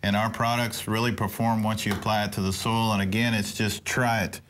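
A man's voice: fairly low pitch, flat delivery, a little fast, fairly bright tone, a little hiss or hum. A middle-aged man, talking informally on a studio panel. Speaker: company panelist.

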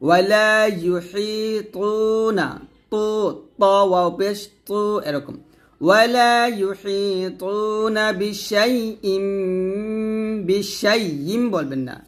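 A man teaching Quran recitation, chanting verses slowly and melodically, then explaining pronunciation in quick speech. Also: sits high. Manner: slow drawn-out melodic recitation alternating with quick spoken explanations.

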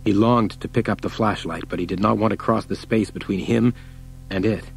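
A man narrating an audiobook in a steady, measured reading. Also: fairly low pitch, creaky, a little hiss or hum, low-quality recording. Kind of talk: scripted narration.

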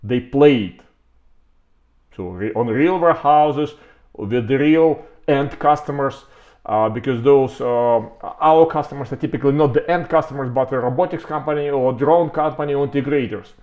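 A man's voice: mid-range voice, moderate pace, phone-quality sound. A man gives a conversational product talk from a webcam, stopping often to rephrase and repeating words for emphasis. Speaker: company representative presenting products.

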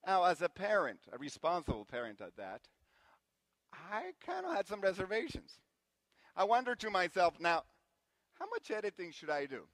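A man's voice: high voice, huge pitch swings, moderate pace, dry recording. Man from Guatemala preaching with dry sound. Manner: warm anecdotal storytelling with gentle self-deprecating humor. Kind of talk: sermon with personal storytelling.

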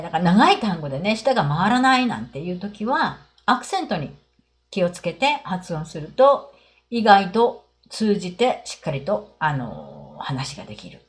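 An older Japanese woman teaching travel English phrases in Japanese, explaining patiently with many fillers and reading the English lines with a Japanese accent. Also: mid-range voice.

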